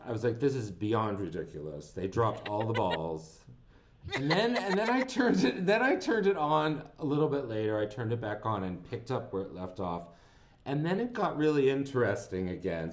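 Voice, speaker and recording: A man co-hosting a podcast, chatting casually about films, rambling and laughing as he retells scenes. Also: medium pitch. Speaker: podcast co-host. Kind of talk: casual film discussion.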